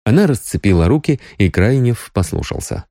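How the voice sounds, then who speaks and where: A man narrating an audiobook with expressive storytelling. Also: on the low side, moderate pace, dry recording, studio quality.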